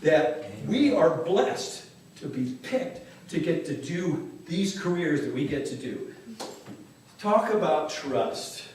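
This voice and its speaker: A man's voice: a little high, animated, slow pace, a little mellow, a little hiss or hum. An older man, a dentist, telling a candid personal story at a story-slam, earnest and wry, sometimes swearing for emphasis. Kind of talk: story-slam talk to a live audience. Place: large hall with a live audience. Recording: echoey hall, voice from far off.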